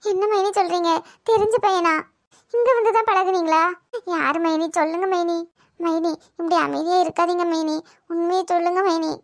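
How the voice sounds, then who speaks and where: A woman's voice: extremely high pitch, steady tone, moderate pace, no room sound, studio quality. A woman with a Tirunelveli Tamil accent voicing a caring young married sister-in-law in a cartoon, speaking in a soothing, coaxing way. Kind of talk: cartoon voice acting.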